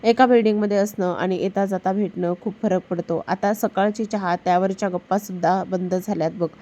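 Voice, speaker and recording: A woman reading as a gentle, wistful older father. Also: medium pitch, fairly even intonation, a little fast, dull audio, lightly acted.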